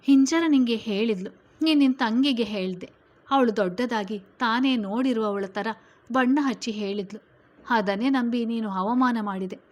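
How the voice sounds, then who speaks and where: A woman playing a middle-aged mother in a spoken story, stern and fiercely protective of her sons. She scolds the family in a loud, forceful voice, pitched a little above her normal speaking voice. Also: moderate pace, natural voice. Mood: angry.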